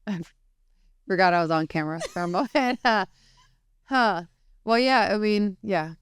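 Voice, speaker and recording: Very clear-voiced chatty woman host. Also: mid-range voice, lively intonation, a little slow, pauses often. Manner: chatty, laughs often, many "like" fillers. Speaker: podcast host. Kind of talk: casual interview chat.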